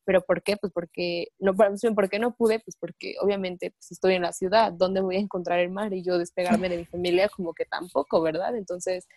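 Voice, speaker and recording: A young woman with a Mexican Spanish accent, chatting casually with friends and telling stories in a slangy, animated way. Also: fairly low pitch, normal speed, few pauses, no echo. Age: young adult. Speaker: student. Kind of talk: casual chat among friends.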